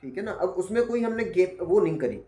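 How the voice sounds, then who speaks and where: A man's voice: sits high, animated, a little fast, mellow. Man giving patient class feedback. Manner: patient, repeats "ठीक है ना?" to check understanding. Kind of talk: spoken feedback in a class session. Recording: roomy echo.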